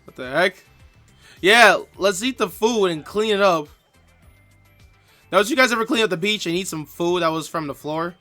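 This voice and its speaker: A man's voice: sits high, animated, normal speed, long pauses, bright, forceful tone, soft background music. A male streamer making sarcastic, mocking asides while watching a show. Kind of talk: casual stream commentary.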